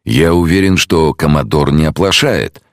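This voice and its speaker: A man voicing a calm, thoughtful detective's assistant with quiet, measured speech in an audiobook. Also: very deep voice, no room sound, clean studio sound.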